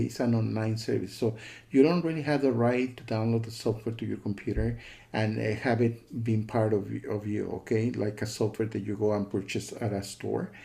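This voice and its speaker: A software reviewer gives a casual, disapproving spoken review in a mid-range, mellow voice with vocal fry. He repeats himself and keeps checking in with "okay" and "you know."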